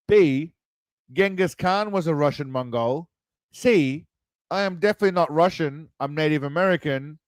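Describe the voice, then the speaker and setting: A man's voice: fairly high pitch, no echo. Tipsy man hosting a rambling quiz stream. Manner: rambling, loose, swearing, reads quiz options aloud. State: tipsy, self-described as wasted. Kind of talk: casual livestream chat.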